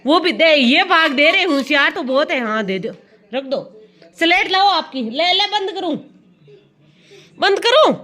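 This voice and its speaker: High, bright-voiced woman chatting at home. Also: lively intonation, moderate pace. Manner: chatty, scolding and coaxing children. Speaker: vlogger. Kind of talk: casual home vlog. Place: home indoors.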